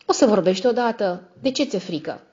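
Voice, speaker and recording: A woman's voice: animated, darkish tone, lightly acted. A woman reading an audiobook voices a spiteful older sister who mocks and scolds her brother. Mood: scolding. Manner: mocking, shrill scolding. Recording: dull lo-fi audio.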